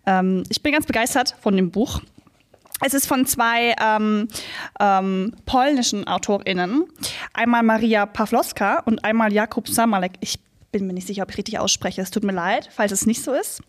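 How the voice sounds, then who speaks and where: A woman co-hosting a podcast who talks about a children's book in a lively way, often pausing with fillers, and reads passages aloud in small voices. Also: mid-range voice. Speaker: podcast co-host.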